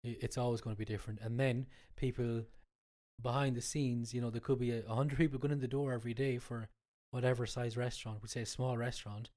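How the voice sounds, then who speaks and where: A man's voice: mid-range voice, flat delivery, fast talker, a little mellow. Man, Cork Irish accent, blocked nose from a cold, mid-range voice, conversational, explanatory. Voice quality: congested, stuffy-nosed from a cold. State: has a cold. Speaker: cook and cookery class instructor, guest. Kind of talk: casual conversational interview.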